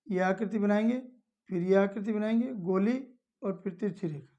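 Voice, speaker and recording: A woman's voice: mid-range voice, moderate pace, dark tone, muffled recording. A woman teaching young children, explaining each step patiently and repeating it plainly. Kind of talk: slow step-by-step lesson for children.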